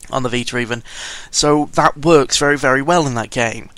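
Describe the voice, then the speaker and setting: Quick and fairly bright, his medium-pitched voice carries casual game commentary from a British vlogger. He digresses, swears and keeps correcting himself, while music runs beneath him.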